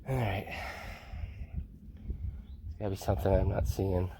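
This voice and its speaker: Low-voiced guy hiking and vlogging on his phone in the woods, rambly and chill, a bit winded, faint hiss behind. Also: steady tone, moderate pace. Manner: rambling, laid-back, laughs often, swears casually. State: out of breath. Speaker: thru-hiker vlogging on the trail. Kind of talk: casual handheld trail vlog. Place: outdoors in wooded mountains. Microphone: phone camera held by hand.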